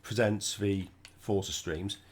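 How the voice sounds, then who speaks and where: Speaking slowly in a fairly low voice, this British gaming channel host sounds croaky from a cold. He chats in a relaxed way, thinking aloud as he drives, in casual gameplay commentary.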